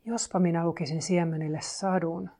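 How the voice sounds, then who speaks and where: A woman voicing a fretful, impatient little toad in a storybook, reading its lines aloud and shouting at its seeds. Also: fairly low pitch, fairly even intonation. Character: fretful impatient toad or frog, small, anxious.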